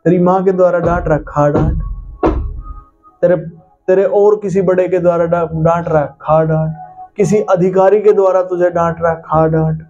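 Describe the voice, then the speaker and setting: A man's voice: sits high, fairly even intonation, moderate pace, dark tone. Emphatic male pastor preaching, muffled sound. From India. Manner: emphatic, repetitive, addresses listeners directly with rhetorical questions. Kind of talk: Hindi sermon. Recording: dull lo-fi sound with faint music.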